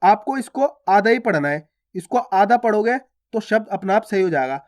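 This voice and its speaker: A man's voice: high voice, expressive. Patient man teaching reading basics. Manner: patient, repetitive explaining with drawn-out vowel sounds; asks questions then answers them himself. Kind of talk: beginner reading lesson.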